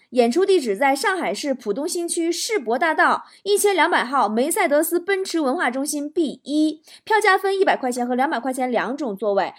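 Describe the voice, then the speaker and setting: A woman talk show host giving a comic monologue and reading listener jokes in a chatty, teasing way, often laughing as she talks. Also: sits high.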